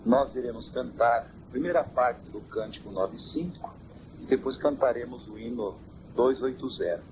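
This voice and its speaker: Church elder, man, measured preaching cadence, recorded on worn old cassette with steady hiss. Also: on the low side. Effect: hissy, worn old cassette tape. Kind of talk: answering interview questions on doctrine. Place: family home.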